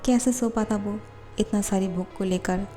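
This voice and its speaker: A woman voicing a gentle young man who fusses kindly over a hungry guest, in a plain storytelling voice. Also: mid-range voice, steady tone, moderate pace, soft background music, lightly acted. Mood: caring.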